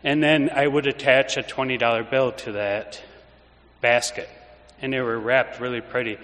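An older man, a priest, giving an informal anecdotal homily in conversational, halting phrases in a reverberant church. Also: mid-range voice, steady tone, a bit bright. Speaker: priest, pastor.

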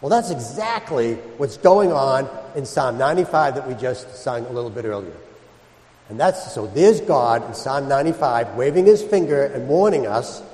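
A man's voice: mid-range voice, animated, moderate pace, darkish tone. A man speaking as a priest at a church service, his voice ringing with cathedral-like echo. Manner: addresses listeners with questions and everyday examples. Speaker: priest reading the Gospel and preaching. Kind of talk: liturgical Gospel reading and homily. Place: large reverberant church, indoors. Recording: echoey church with long cathedral-like reverb.

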